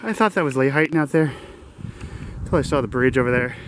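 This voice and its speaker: A man's voice: mid-range voice, expressive, fairly quick. Winded guy joking around on a hiking vlog, handheld camera, some faint outdoor noise. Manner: chatty, jokey, talks to himself. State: out of breath. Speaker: vlogger. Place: outdoors on a rocky mountain trail.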